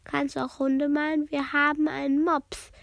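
Give me a curious, friendly schoolboy, as a woman reads him from a storybook, high and dry. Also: level tone, measured pace, creaky, no room sound.

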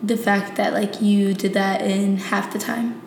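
A woman's voice: little pitch movement, a little slow, gravelly, a little mellow. A young woman co-hosting a podcast, chatting casually and slangily, recorded in a kitchen. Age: young adult. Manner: informal, slangy. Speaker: podcast co-host. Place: kitchen of an apartment. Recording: echoey room, faint low rumble.

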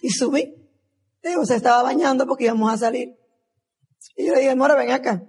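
Woman, forties, husky voice, motivational convention testimony, acts out dialogue. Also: high-pitched, fairly quick, darkish tone. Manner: emotional storytelling, acting out dialogue. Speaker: convention speaker.

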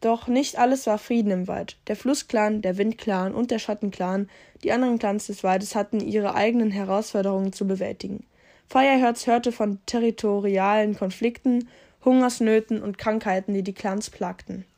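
A woman's voice: medium pitch, steady tone, moderate pace, mellow. A woman casually reading a story aloud and commenting on it, often stumbling and correcting herself. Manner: reads with slips and self-corrections. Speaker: podcast host reading a story.

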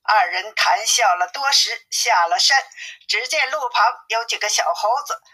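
A woman narrating a classic story as an audiobook, with a steady, clear storytelling delivery. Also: on the high side, unhurried, rough recording.

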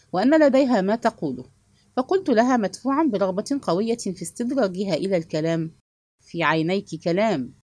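A woman giving an expressive literary narration of a novel as an audiobook reader. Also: mid-range voice, no echo.

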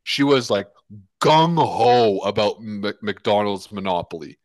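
A man's voice: on the low side, lively intonation, slow pace, dry recording. A man co-hosting a casual beer-review podcast, laid-back and casually swearing as he tells stories. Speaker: podcast co-host. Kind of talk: casual chat reviewing beers.

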